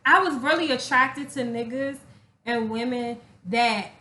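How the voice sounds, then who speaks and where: A young adult woman co-hosts a podcast, talking candidly and casually about relationships with emphatic, slangy language and lots of swearing. Her voice is a little high, bright and forceful, and she speaks unhurriedly. The room is echoey.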